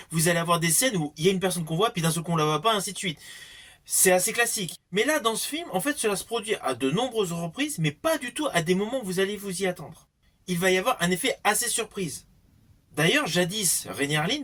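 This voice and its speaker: A man's voice: sits high, fairly bright tone. A man giving a scripted film review, explaining things with emphatic phrasing. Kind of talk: scripted movie review narration.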